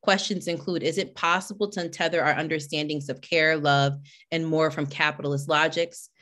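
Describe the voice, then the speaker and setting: A woman's voice: low voice, steady tone, brisk. A woman hosting an online teach-in on a video call, chatty and welcoming as she greets people by name before moving into a more formal introduction. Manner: warm, chatty greetings, reading names from the chat. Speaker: host and executive director.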